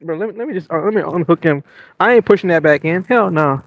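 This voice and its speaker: An excitable man with a high voice chats and jokes his way through a fishing live stream, laughing often. The sound is dry and close but a little dull and lo-fi. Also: quick pace, dry recording. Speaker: fishing livestream host. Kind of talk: casual live-stream chat. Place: outdoors on a boat at sea.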